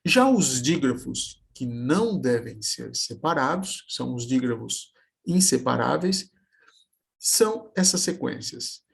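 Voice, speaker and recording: A man teaching a video lesson, slowly sounding out example words syllable by syllable. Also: medium pitch, lively intonation, gravelly, breathy edge. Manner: slow, careful, spelling words out syllable by syllable.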